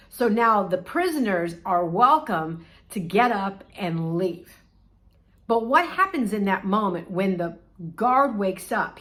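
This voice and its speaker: A middle-aged woman, a life coach, giving a conversational, encouraging faith talk with casual fillers. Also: mid-range voice.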